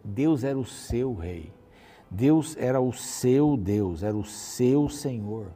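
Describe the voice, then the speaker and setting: A man's voice: mid-range voice, lively intonation, slow pace, dark tone, slightly rough. A man gives a devotional Bible commentary in a conversational way, repeating phrases and often adding a questioning tag. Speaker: Bible teacher.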